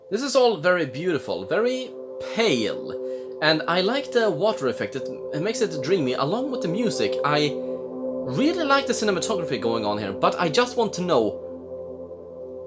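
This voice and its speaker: A drunk man from Sweden, giving rambling, halting and blurting casual commentary as he reacts to a film. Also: fairly high pitch. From Jämtland, Sweden. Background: film soundtrack, faint music.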